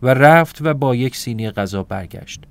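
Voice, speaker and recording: A young adult man reading a literary story aloud in a calm, soft-spoken and reflective manner. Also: medium pitch, creaky, no echo. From Iran. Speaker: narrator.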